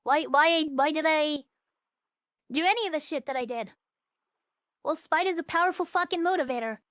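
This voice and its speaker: A young woman VTuber chats casually on a livestream, blunt, profane and scattered, her voice changer dialed down to a more natural tone. Her voice is high and a bit bright at a moderate pace, recorded clean in a studio with no room sound.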